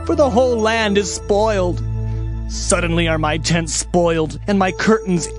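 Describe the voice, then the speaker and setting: Over music, a man with a high-pitched, natural voice plays an anguished Hebrew prophet in a dramatized scripture reading. At a normal speed, he laments and pleads with theatrical emphasis.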